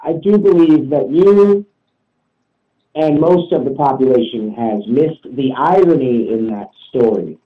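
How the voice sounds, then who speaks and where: A man with a medium-pitched, unhurried voice takes part in a talk show, giving his opinions casually but bluntly and insistently, with profanity. The line sounds dull and lo-fi.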